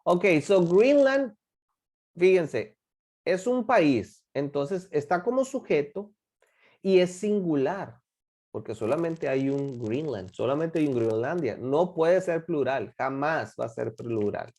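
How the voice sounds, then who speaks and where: Lively, mellow-voiced teacher. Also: mid-range voice. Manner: drills words slowly and quizzes the class with questions. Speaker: English teacher. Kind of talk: classroom instruction in Spanish and English.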